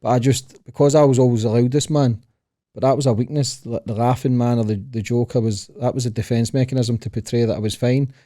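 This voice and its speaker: Man, Glaswegian accent, thirties, cheeky storyteller, mellow tone, close dry sound. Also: mid-range voice, fairly even intonation, fast talker, dry recording. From Scotland. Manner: cheeky, storytelling, talks in short clipped phrases. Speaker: podcast guest. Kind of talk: casual interview chat.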